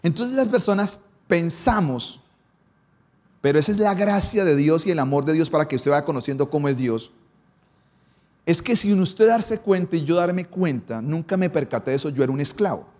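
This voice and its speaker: Man, pastor, sermon, slightly high voice, rhetorical questions. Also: a little mellow. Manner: preaching, varied emphasis and pace, rhetorical questions.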